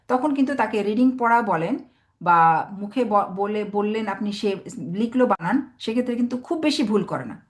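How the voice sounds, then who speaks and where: A woman teacher hosts an online webinar for parents, talking over a video call. She explains things patiently and step by step. She sounds out single words slowly as she goes. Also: mid-range voice.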